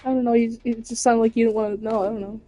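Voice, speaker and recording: A woman's voice: fairly high pitch, flat delivery, racing, dark tone. A woman giving casual, swearing commentary while streaming a game.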